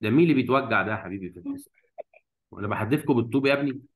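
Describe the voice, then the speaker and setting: Lively Egyptian man teaching English grammar. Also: medium pitch, low-quality recording. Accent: Egyptian Arabic. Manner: stretches out English words slowly when modeling them. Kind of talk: classroom grammar lesson.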